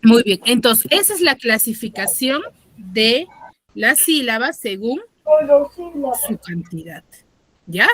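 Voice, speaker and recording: Teaching an online class, this school teacher has a fairly bright, expressive voice on the high side and a Peruvian Spanish accent. She is patient, lingers on important terms, and keeps confirming understanding with tag questions, all captured by a dry close microphone.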